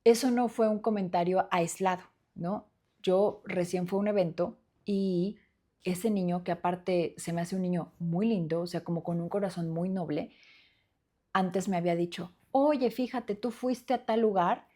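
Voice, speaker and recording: This podcast host talks at a normal speed in a warm, fairly low voice with fairly even intonation. Recorded on a studio mic, she speaks alone, earnest and reflective, often using fillers and starting over.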